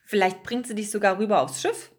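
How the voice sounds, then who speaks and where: A woman's voice: mid-range voice, steady tone, a little fast, close to an everyday voice. A woman voicing a cranky, bossy adult male mouse who sighs a lot. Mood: grumbling. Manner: sighing, a bit cranky.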